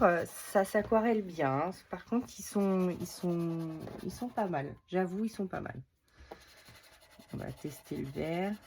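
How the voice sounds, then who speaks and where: A woman at her craft table talks through a product demo at an unhurried, easy pace, pausing often to fill in with little hesitations. Her voice sits a little low, and a faint hiss runs underneath. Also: creaky, darkish tone. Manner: hesitant, thinking aloud with many fillers; reads out product details while handling items. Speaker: craft vlogger. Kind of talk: casual haul and product demo.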